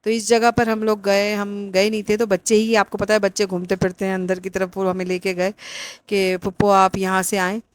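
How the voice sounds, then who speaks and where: Middle-aged woman vlogger, chatty and rambling, dry close sound, mid-pitched. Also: little pitch movement, hardly any pauses, a little mellow, no echo. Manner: chatty, rambling with many fillers. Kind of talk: casual vlog narration.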